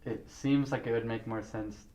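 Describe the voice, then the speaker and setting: A man with a mid-pitched voice, hosting a casual studio podcast. He is friendly and keeps the talk moving with easy follow-up questions. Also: steady tone, normal speed, darkish tone, reverberant, rough recording.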